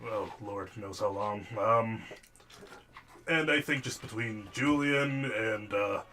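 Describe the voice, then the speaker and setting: A man's voice: lowish voice, slow pace, sharp tone, faint music behind, voice pushed down. A man voicing a male orc scientist who rambles hesitantly about his invention. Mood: rambling.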